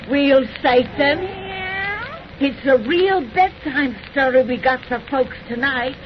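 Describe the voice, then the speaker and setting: A woman playing a gleefully sinister, cackling hundred-and-five-year-old witch storyteller with rustic speech, in old radio horror style. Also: high voice. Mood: cackling glee. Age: older. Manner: rustic folksy dialect, slow and eerie. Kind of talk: 1930s radio horror acting. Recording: noisy, muffled old radio recording.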